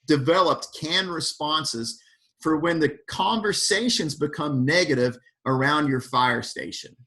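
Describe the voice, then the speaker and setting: A man leading an online fire service workshop over a video call, speaking with energy and calling on attendees by name. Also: fairly high pitch. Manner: animated, questions the audience by name. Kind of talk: energetic motivational talk.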